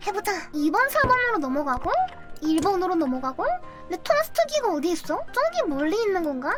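A very high-pitched woman streams a game live and talks straight to her chat. Her voice leaps all over the place as she wails and shrieks at each mishap. Loud game music plays behind her. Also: very animated, fairly quick.

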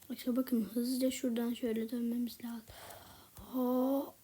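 A woman giving casual gameplay commentary in a soft, half-whispered voice, a little sick with a slightly rough voice. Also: a little high, little pitch movement, normal speed. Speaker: gaming channel host.

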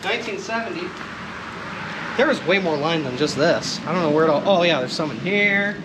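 A man's voice: fairly high pitch, brisk. A young man casually explaining brake line work while joking with his friend in a home garage. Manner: relaxed, joking, talks while working on the car. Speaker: co-host of a car repair channel. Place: home garage with open door. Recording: noisy garage with tool clatter.

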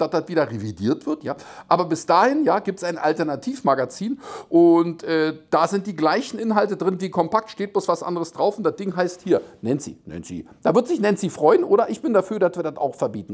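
Husky, lively-voiced man mocking the news. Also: high voice. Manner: mocking, rambling, laughs at his own jokes. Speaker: satirical commentator. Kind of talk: sarcastic news commentary. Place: Las Vegas.

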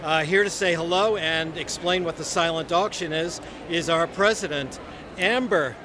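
A man's voice: a little high, moderate pace. A man in his fifties hosting a casual live walkaround in a big exhibition hall, talking upbeat and chatty into a phone camera held at arm's length. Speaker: livestream host. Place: large busy indoor exhibition hall. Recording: loud crowd noise around.

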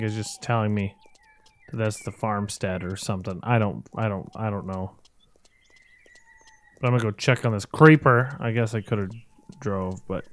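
A man's voice: on the low side, dry recording. A man hosting a gaming video with casual, jokey commentary, thinking aloud and poking fun at himself.

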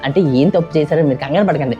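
A young man with English as his first language rattles along in a casual vlog, words tumbling out quickly. His tone is mellow and soft-edged, and he loops back to repeat and fix himself as he goes. Faint music plays underneath. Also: fairly high pitch, highs cut off. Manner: rapid, chatty, repeats and corrects himself. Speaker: travel vlogger. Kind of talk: casual vlog talk to camera.

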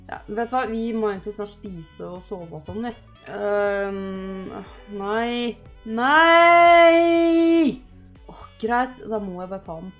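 A woman giving casual let's-play commentary, excitable and yelping at her game characters. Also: medium pitch, soft background music. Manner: excitable, yelps and shouts at the characters. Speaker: gaming host.

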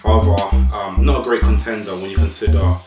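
Chatty vlogger reviewing food. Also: male voice, lowish voice, steady tone, quick pace, reverberant, over loud music. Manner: enthusiastic, chatty, gives ratings out of five. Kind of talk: casual restaurant review vlog. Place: restaurant and home room.

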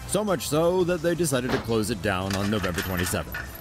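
A man's voice: on the low side, very animated, brisk, over music. A man narrating scripted news stories in a wry, playful way.

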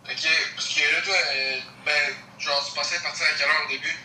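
A man's voice: fairly high pitch, fairly even intonation, fast talker, sharp tone, distant mic. A young man with a Quebec French accent chatting casually with a friend over a tinny speakerphone. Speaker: friend on a phone call. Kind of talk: casual chat. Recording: tinny speakerphone, echoey room, faint noise.

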